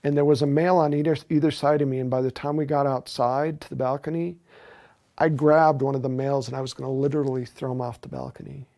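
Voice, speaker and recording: A man's voice: mid-range voice, level tone, fast, creaky, mellow. A man earnestly recounting a personal experience as an interviewee, with emphatic storytelling.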